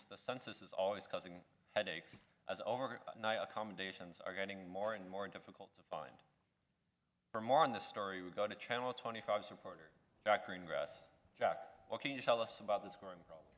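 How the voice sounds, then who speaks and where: A man playing an earnest evening news co-anchor in a church play, with a formal, measured breaking news delivery. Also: fairly low pitch, fairly bright tone, lo-fi sound, lightly acted. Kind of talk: breaking news delivery, scripted mock newscast.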